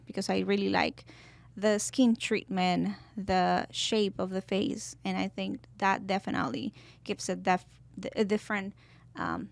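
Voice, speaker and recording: A woman's voice: medium pitch, gravelly, dry recording. Colombian-born woman in her twenties, dry studio. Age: 20s. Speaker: guest barber. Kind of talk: podcast interview. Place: podcast studio.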